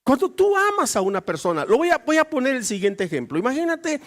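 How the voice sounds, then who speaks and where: A man's voice: very high voice, big pitch swings, quick pace. A male pastor preaching a sermon, acting out little dialogues with shifting voices.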